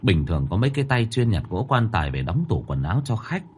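A nervous village father, voiced by a man, answers humbly, stumbling over his words. His voice is husky and lively in pitch. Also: fast talker. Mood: deferential. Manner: deferential, hesitant, stammering.

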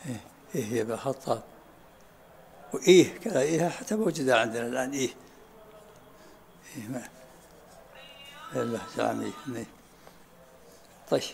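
A man teaching a study circle as sheikh, explaining texts at an unhurried pace and often asking students to repeat what they said. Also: mid-range voice, creaky. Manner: unhurried, often asks "ha?" to have things repeated. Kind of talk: lesson commentary with questions and answers.

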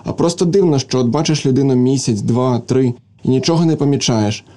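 A man reading a story aloud, voicing a proud, hot-tempered young woman office clerk with sharp, indignant retorts. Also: mid-range voice, a little fast, lightly acted. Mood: surprised.

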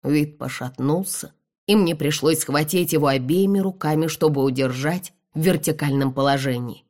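A woman narrating a dramatic first-person audiobook in an expressive way. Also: sits low, normal speed.

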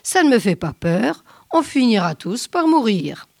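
A woman voicing a lonely, resigned man in love, in a story read aloud at a slow pace. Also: a little high, big pitch swings, vocal fry, a little mellow, no room sound, clean studio sound, exaggerated voice. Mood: defiant.

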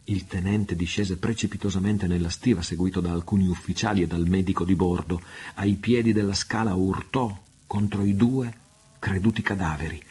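A man reads a classic novel aloud in a measured, unhurried way. His voice sits very low and has a husky texture. The reading stays flat, with little rise and fall. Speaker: reader. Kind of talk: audiobook narration.

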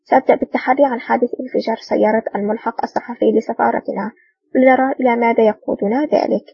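A woman's voice: a little high, steady tone, fast talker, creaky, husky, no echo. Woman reading a cool, confident male officer. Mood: assured. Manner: assured, self-possessed. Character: confident male army officer, calm and sly. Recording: dull distant dry recording.

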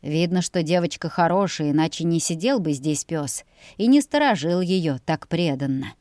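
A woman voicing a calm, heavy-voiced peasant father who speaks slowly and steadily in a storybook. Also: deep voice, dry recording, clean studio sound. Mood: soothing. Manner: calm, deliberate.

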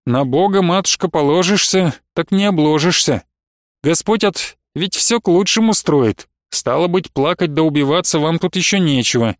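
A man voicing a kindly, comforting middle-aged merchant who speaks in an unhurried, consoling way. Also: on the high side, lively intonation, dry recording, studio quality, natural voice. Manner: warm-hearted, consoling, unhurried.

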